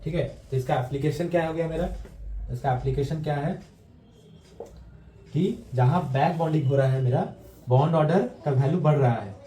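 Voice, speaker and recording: Dark-voiced male teacher dictating notes slowly. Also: fairly high pitch, echoey room, low-quality recording. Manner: explains step by step, slow deliberate dictation, frequent checks with students. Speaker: chemistry teacher. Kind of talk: classroom lecture, dictating notes.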